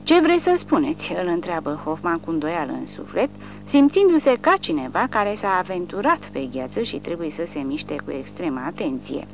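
A woman narrating an audiobook in an expressive storytelling manner. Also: low voice. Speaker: audiobook reader. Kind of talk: scripted narration. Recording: dull recording with faint hum.

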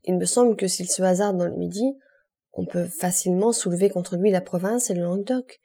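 Woman reading an eager bowing prosecutor guy, audiobook, husky voice. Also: on the low side, brisk, dark tone. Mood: deferential. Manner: eager, deferential. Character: zealous young male royal prosecutor.

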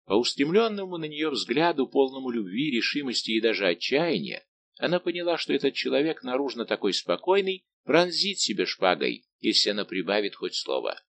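A man narrating a historical novel as an audiobook in an expressive reading style. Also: mid-range voice, a little fast, gravelly.

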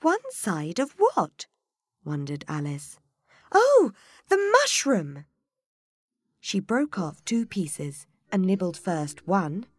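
A woman narrating a children's storybook in a gentle, unhurried way. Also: on the low side, breathy edge, no room sound, studio quality. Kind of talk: storybook reading.

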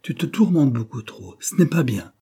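A man's voice: medium pitch, big pitch swings, normal speed, warm tone, breathy edge, voice pushed up. A man reading an ill, worried husband who reassures his wife with anguished sighs. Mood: reassuring. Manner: soothing, reassuring, sighing.

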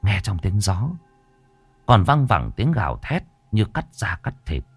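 A man telling a horror story, his low voice rising and falling with lively intonation. The delivery is measured and dramatic, recorded dry and close to the mic. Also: vocal fry, slightly rough, no room sound, soft background music.

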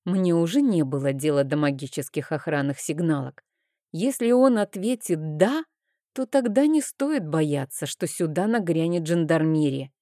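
Female audiobook narrator, first-person fantasy, expressive, low mellow voice, dry booth sound. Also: normal speed, dry recording.

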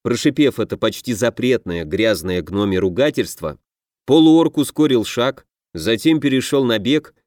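A man reading a fantasy audiobook in a measured storytelling manner. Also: mid-range voice, animated, a little mellow, no echo, clean studio sound. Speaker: audiobook narrator. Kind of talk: scripted fantasy narration.

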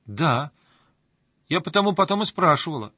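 A man's voice: on the high side, sing-song, normal speed, pushed and bright, no room sound, heavily acted. A man voicing a timid eight-year-old girl who speaks in a plaintive, anxious way.

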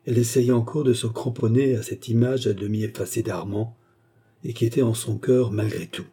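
A man narrating a novel as an audiobook, reading in a measured, dramatic way. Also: mid-range voice, steady tone, vocal fry, dark tone, husky.

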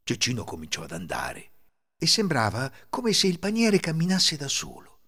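A man hosting a podcast and narrating folk fairy tales in an expressive, lilting storytelling manner. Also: medium pitch, moderate pace, husky. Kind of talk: scripted fairy-tale narration.

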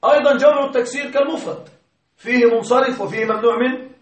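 A male grammar teacher giving a classroom lesson, patiently explaining, quizzing his students and chanting quoted verses slowly. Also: extremely high pitch, fairly even intonation. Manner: recites verses in slow measured chant. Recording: echoey classroom from far off.

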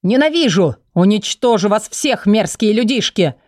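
A spiteful old shapeshifter spits slow, hissing threats that climb into shrill shrieks, as a woman reads him. He sounds venomous and cornered in a fantasy audiobook. The recording is dry and close, with no room around the voice. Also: lively intonation, a little mellow, dry recording, natural voice. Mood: shrieking. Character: old male shapeshifter villain, hateful, shrieking.

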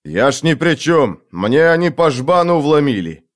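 A man's voice: lowish voice, lively intonation, slow pace. A man voicing a big clumsy young man who whines and defends himself. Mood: defensive mumbling. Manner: whining, defensive.

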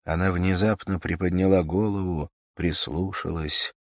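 A man narrating a classic novel as an audiobook, in a measured, expressive way. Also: sits low, dry recording, studio quality. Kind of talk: scripted literary narration.

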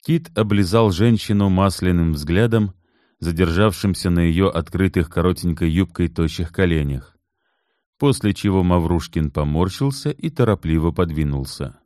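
A man narrating an audiobook in a measured, even storytelling manner, close to the mic. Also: deep voice, dry recording. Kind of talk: scripted narration.

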